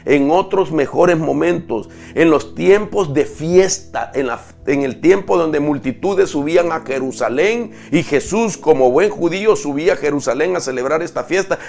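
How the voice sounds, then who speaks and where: A preacher voicing a scheming devil. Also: male voice, a little high, gravelly, darkish tone. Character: scheming male devil plotting temptation.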